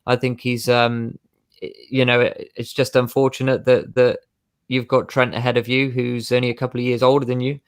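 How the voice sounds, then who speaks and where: A man's voice: medium pitch, little pitch movement, moderate pace, clear, resonant tone, no room sound, studio quality. A man on a football discussion panel, blunt and opinionated.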